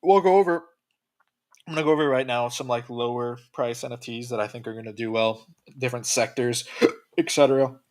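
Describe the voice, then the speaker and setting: A young man livestreams about crypto in a mid-range, fairly quick voice on a dry recording. He reads chat comments aloud and answers loosely and profanely, full of fillers and restarts. He sounds tired from staying up late.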